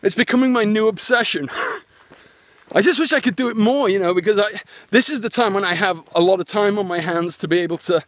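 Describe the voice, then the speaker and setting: The recording is dry, catching a high-pitched, brisk, slightly bright male voice. An internet marketer walks his land outdoors, live-streaming a vlog from his phone and chatting in a rambling way with many fillers and restarts.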